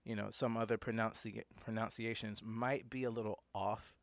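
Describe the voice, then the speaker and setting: A man's voice: on the low side, level tone, normal speed, no echo. A man with slightly slurred speech and imprecise T's and S's from an underbite, talking informally and hesitantly as a solo podcast host.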